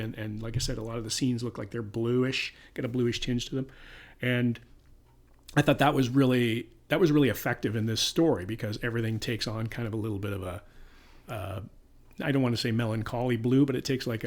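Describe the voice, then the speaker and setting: A man co-hosting a podcast, chatting casually about a crime series, rambling with restarts and getting animated when he retells scenes. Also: mid-range voice. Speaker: podcast co-host. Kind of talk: casual review chat.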